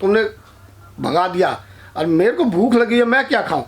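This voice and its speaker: A man's voice: high voice, expressive, moderate pace. Man doing a hungry folk-tale snake, blunt and demanding, told in a plain storyteller's voice. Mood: complaining.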